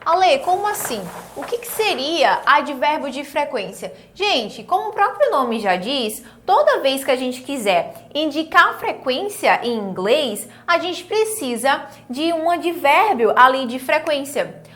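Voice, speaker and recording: A young Brazilian woman leads an online English lesson, with an accent from home and a lively, encouraging way of drilling vocabulary. Her voice sits a touch high and sounds bright and forceful. She takes her time, repeating each word slowly. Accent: Brazilian Portuguese. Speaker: English teacher.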